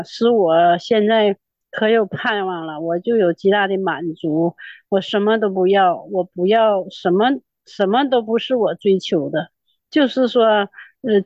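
A woman's voice: mid-range voice, no echo. A middle-aged woman with a Northeastern Mandarin accent gives an earnest, tearful personal church testimony, repeating herself as she tells it. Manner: earnest, tearful, repetitive storytelling. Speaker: church member giving testimony. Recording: dull lo-fi dry recording.

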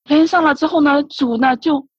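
A woman's voice: high-pitched, normal speed, no room sound. A woman giving an emotional personal religious testimony, retelling her prayers with many repeated words and restarts. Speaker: church member giving testimony. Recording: dull lo-fi recording, dry.

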